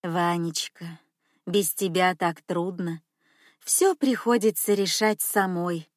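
A woman voicing a scheming, manipulative old grandmother who speaks slowly in a cooing, sugary tone. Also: fairly low pitch, no echo, studio quality. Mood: confiding.

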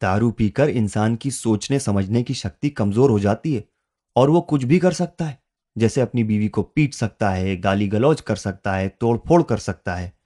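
A man's voice: fairly low pitch, dark tone, lightly acted. A man voicing a shy, polite young delivery man who talks earnestly and in a rush. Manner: timid, earnest, rushed in one breath.

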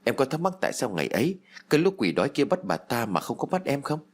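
Horror storybook: a calm, knowing uncle figure, husky voice with lively pitch, read by a male narrator. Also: quick pace. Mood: grave. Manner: explaining, gently teasing.

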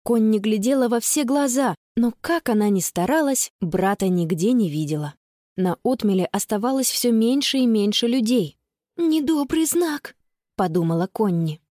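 A woman narrating a children's audiobook with expressive storytelling. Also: mid-range voice, moderate pace, dry recording, studio quality.

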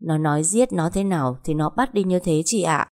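Low-voiced woman narrating a story. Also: lively intonation, normal speed, darkish tone. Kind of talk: first-person story narration.

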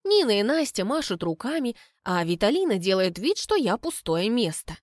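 Lively woman narrating an audiobook. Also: mid-range voice, moderate pace, no echo, clean studio sound. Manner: lively, ironic storytelling. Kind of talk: expressive first-person audiobook narration.

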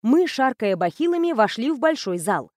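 A woman with a high voice reads a novel aloud in an even, steady narration. The recording is close and dry, with no room sound. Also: normal speed, no echo. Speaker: audiobook narrator. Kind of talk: scripted narration.

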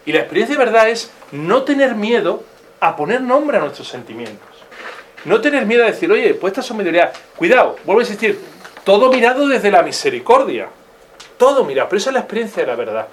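Lively Spanish man teaching a sacraments class. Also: sits high, quick pace, slight background noise. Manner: animated, asks many rhetorical questions, acts out quoted voices. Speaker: catechist. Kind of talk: informal religious teaching.

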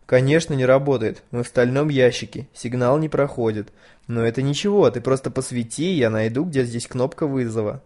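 A man voicing a soothing, unhurried old man who talks in a measured, homely way. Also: medium pitch, a little mellow, close to an everyday voice. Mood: calm.

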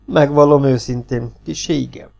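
A man's voice: medium pitch, steady tone, creaky, dark tone, highs cut off, soft background music, voice pushed up, lightly acted. A man voicing a stubborn young legionnaire who answers with wry, polite defiance.

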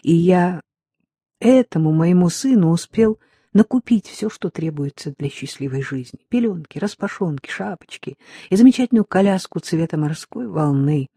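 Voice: mid-range voice, expressive, moderate pace, warm tone, breathy edge, dry recording, clean studio sound. A reader narrating in the first person as a forty-year-old man, in a subdued and weary literary audiobook style.

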